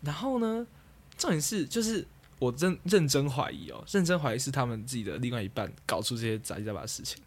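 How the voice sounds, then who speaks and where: Fast-talking young man rambling. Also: mid-range voice, expressive. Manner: rambling storyteller, trails off and restarts, laughs at own jokes. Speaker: podcast co-host. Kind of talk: casual chat.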